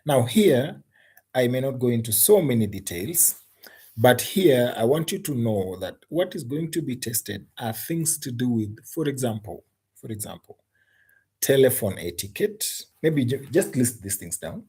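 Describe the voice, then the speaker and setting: A man's voice: mid-range voice, sing-song, unhurried, dark tone, slightly rough. A man with a Kenyan English accent teaching an exam-prep English lesson, emphatic and often repeating words.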